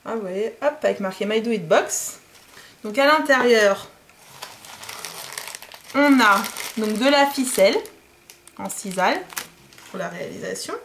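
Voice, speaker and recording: A French woman in her thirties chats casually in a DIY unboxing vlog, speaking at a medium pitch over background noise. She sounds hesitant and uses lots of fillers.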